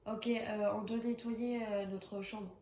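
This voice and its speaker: A young woman streaming a horror game chats casually and lets out jumpy exclamations, clearly suffering from a cold. Her medium-pitched voice is slow, level, and a little mellow, and the phone recording has a roomy sound.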